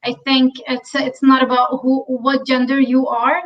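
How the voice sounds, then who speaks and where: A woman's voice: high-pitched, little pitch movement, unhurried. Syrian-born woman, distant dull call audio. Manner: thoughtful, many ums and uhs, self-questioning. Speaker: podcast guest. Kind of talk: conversational interview.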